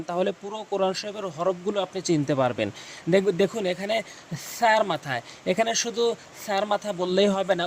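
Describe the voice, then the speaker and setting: A man teaching Quran recitation, explaining how to pronounce each Arabic letter and repeating the sounds slowly and emphatically. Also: high-pitched, slight background noise. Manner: slow, emphatic, drills sounds by repeating them. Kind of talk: tutorial on Arabic letter pronunciation.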